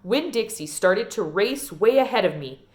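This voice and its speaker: Reading from a children's novel, this woman uses a lively storyteller's delivery. Her voice sits in the mid range, and she keeps a moderate pace.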